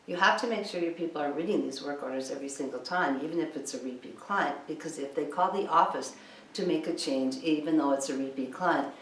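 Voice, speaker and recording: Brisk and low-pitched, the cleaning business trainer presses her instructions emphatically and keeps asking rhetorical questions. She's recorded from a distance in an echoey room with noise behind her.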